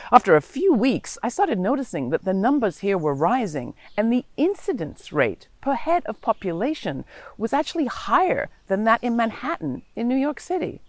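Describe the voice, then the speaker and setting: A woman reporter narrates a documentary in a personal, storytelling way. Her pitch swings with animation, and the recording is dry and close. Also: sing-song, moderate pace, dry recording.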